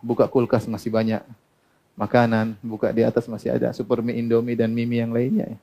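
A man's voice: medium pitch, monotone, fairly quick, vocal fry, dark tone. A middle-aged man preaching a sermon, quoting Arabic texts and translating them, often asking the audience questions and answering them himself, with frequent laughs. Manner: laughs often between points. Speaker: Islamic preacher.

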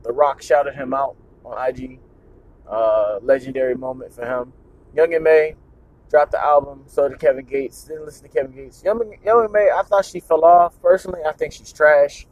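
A man's voice: on the high side, highs cut off. A young man with a slightly raised voice, ranting bluntly about celebrity news in loose slang and frequent curses. His delivery is full of fillers and trailing asides. The sound is dry and close, with no room echo. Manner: blunt, slangy, swears freely. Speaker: show host. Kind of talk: casual opinion rant on celebrity news.

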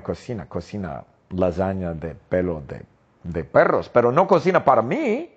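Man voicing a grumbling sergeant husband; gravelly, husky, dull lo-fi sound. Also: medium pitch, pitched above the performer's own voice, full character voice. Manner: exaggerated, sing-song storytelling. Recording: dull lo-fi recording.

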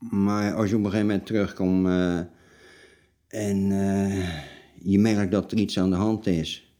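A man in his late forties with a very deep voice. His tone is very dark and mellow. He talks bluntly and haltingly, as a guest in a personal interview. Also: flat delivery. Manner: halting, blunt, plain-spoken. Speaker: interview guest telling his life story.

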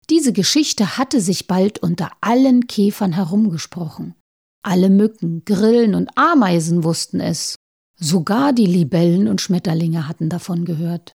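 Warm, gravelly woman reading a tale. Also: mid-range voice. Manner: expressive, sometimes dropping to a whisper. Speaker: storyteller. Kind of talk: storybook reading aloud.

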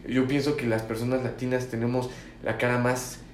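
A man's voice: medium pitch, monotone, normal speed. A young man from Mexico with a Mexican accent, chatting casually and dropping slang in nearly every phrase. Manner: slangy, says "güey" constantly. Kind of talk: casual chat. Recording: echoey room, faint ambient noise.

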